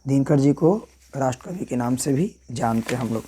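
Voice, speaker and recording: A man's voice: medium pitch, moderate pace, mellow, slight background noise. A man, talking through exam answers as a teacher in a casual way and often checking in with "thik hai" and "right".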